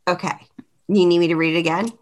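A woman's voice: on the low side, fairly even intonation, fast. A woman co-hosting a casual podcast chat, reading out trivia prompts and laughing often. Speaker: podcast co-host. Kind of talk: casual chat quiz game.

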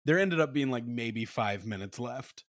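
A man's voice: medium pitch, expressive, normal speed, fairly bright tone, no room sound. Man telling stories with dry humor. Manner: storytelling, self-deprecating, laughs between lines. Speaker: podcast co-host. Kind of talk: casual chat.

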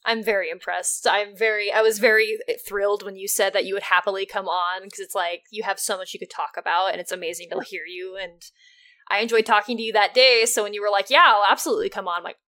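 A woman's voice: mid-range voice, fairly even intonation, quick pace, a bit bright, no room sound. A woman co-hosting a fan podcast, chatting casually and gushing with enthusiasm. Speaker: podcast co-host.

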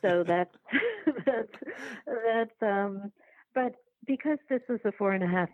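A podcast guest who makes documentaries describes her filmmaking in a fairly high, animated voice, recorded dry yet sounding tinny and phone-like. Her casual storytelling is halting and repetitive, full of restarts.

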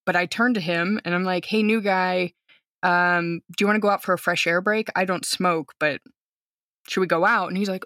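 A fairly low-pitched woman's voice, clean studio audio, no room sound. An outgoing American teacher in her thirties, here as a guest, tells a story conversationally and brings quoted lines to life by acting them out.

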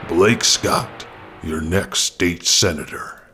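A man doing a deep mock campaign-ad announcer. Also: slow, sharp tone, soft background music, exaggerated voice. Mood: emphatic. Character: male announcer of a mock political ad.

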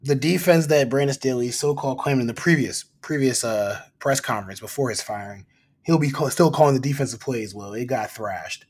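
A man's voice: medium pitch, a little fast, a little mellow, husky. A man co-hosting a casual sports podcast, teasing, blunt and rambling. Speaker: podcast co-host.

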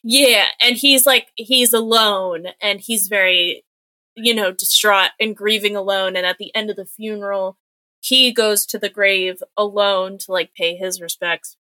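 A young woman in casual podcast chat, retelling a comic book story with lots of filler words and quick acted-out quotes. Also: mid-range voice, steady tone, bright, forceful tone, dry recording. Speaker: podcast co-host.

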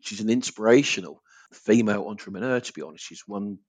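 A man's voice: lowish voice, fast talker, husky, no room sound. A man with an Essex accent chatting informally as a guest in a conversational interview. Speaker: podcast guest, business owner.

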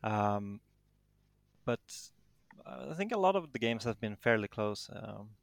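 A tournament champion with a Danish accent answers interview questions casually, sounding modest and hesitant. His voice sits on the low side, slow and sing-song with vocal fry, and the recording is dry.

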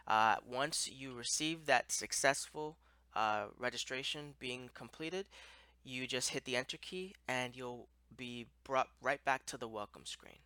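Guy walking you through software steps, plain talk, bright voice, no room echo. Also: mid-range voice, unhurried, clean tone. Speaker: instructor. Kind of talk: explanatory software walkthrough.

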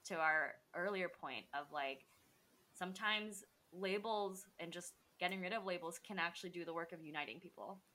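A woman's voice: fairly low pitch, moderate pace, pushed and bright. A woman hosting a podcast interview, asking closing questions and responding with emotional encouragement. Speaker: podcast host.

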